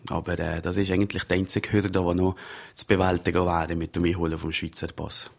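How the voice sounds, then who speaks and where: A man's voice: deep voice, flat delivery, brisk, gravelly. A man with an Upper Valais Swiss German accent, an interview guest who tells easygoing, rambling stories about himself. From Upper Valais, Switzerland. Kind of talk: conversational interview.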